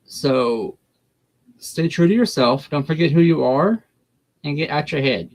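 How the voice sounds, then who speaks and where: A man's voice: a little high, a little slow. A man giving a casual tarot reading, blunt, folksy and unfiltered. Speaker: tarot reader.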